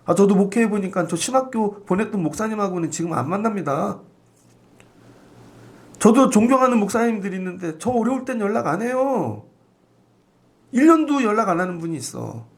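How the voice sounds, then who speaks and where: A male pastor with a high, gravelly voice preaching a dawn sermon. He talks like everyday conversation and acts out the lines of the people he quotes. He sounds middle-aged. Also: animated, fairly quick, pauses often. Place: church sanctuary.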